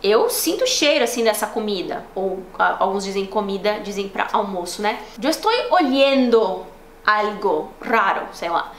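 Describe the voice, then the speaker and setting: A young woman with a Brazilian Portuguese accent, teaching a casual online language lesson in a chatty, explanatory way that slows down to model words for practice. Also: medium pitch, lively intonation. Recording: roomy echo, faint background noise.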